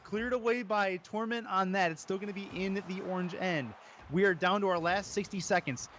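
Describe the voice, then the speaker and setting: A man calling esports play-by-play, rapid and rising to shouts at big moments. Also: high-pitched, a little hiss or hum. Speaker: play-by-play caster.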